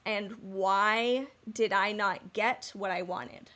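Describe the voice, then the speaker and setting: Slow and steady, her mid-range voice carries a sharp edge. This woman co-hosts a podcast of casual fan discussion, speaking frankly and with emphasis, plus the odd casual swear word.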